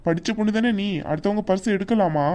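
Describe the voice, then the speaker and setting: A woman with a quick, dark, medium-pitched voice sounds natural as she performs an animated role: a short-fused young man angrily scolding his relatives.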